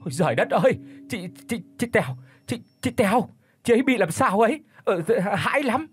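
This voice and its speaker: A man's voice: on the high side, lively intonation, fairly quick, breathy edge. A man voicing a frightened peasant husband in an audiobook, stammering and panicky. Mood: panicked.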